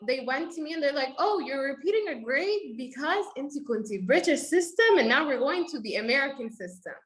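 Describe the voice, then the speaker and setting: A woman's voice: high voice, fast, poor audio. A young woman from Egypt with an Egyptian accent, telling her own story as an interview guest, switching between English and Arabic and acting out what others said. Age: young adult. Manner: animated, acts out quotes from parents and teachers. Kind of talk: conversational storytelling.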